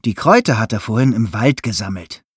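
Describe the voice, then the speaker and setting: A man reading a children's story aloud in a lively, expressive way. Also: lowish voice, fairly quick, husky, no room sound, studio quality. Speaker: narrator.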